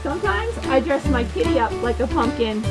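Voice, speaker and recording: Over loud music, a high-voiced woman reads a picture book at a fairly quick clip for children's storytime, playful and sing-song, talking directly to her young audience.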